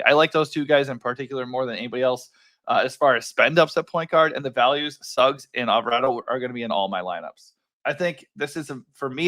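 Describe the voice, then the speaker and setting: Rough-voiced man rambling through sports picks. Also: medium pitch. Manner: relaxed, rambling, self-correcting with many ums. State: worn, rough voice. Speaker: fantasy sports analyst host. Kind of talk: casual solo picks breakdown.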